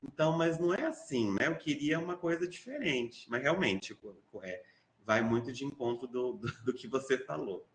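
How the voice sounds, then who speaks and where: A man's voice: medium pitch, expressive, normal speed. A man with a Brazilian accent, an English teacher talking in an online seminar, hesitant with many fillers and restarts, livelier when quoting his students. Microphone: video call. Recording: roomy echo on a video call.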